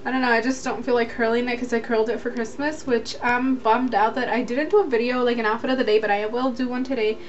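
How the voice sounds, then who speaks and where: A young American woman speaks fast and steadily, with hardly any pauses, in a voice that is a little high. She rambles informally in a casual vlog, using "like" frequently, while holding a camera at arm's length in her closet and bedroom. Dull, noisy handheld camera audio captures her.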